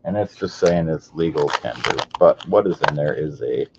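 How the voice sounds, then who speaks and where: Deep gravelly male coin auctioneer. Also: lively intonation, normal speed. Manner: chatty, greets bidders by name. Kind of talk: live-streamed auction calling. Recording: dull audio with faint hiss.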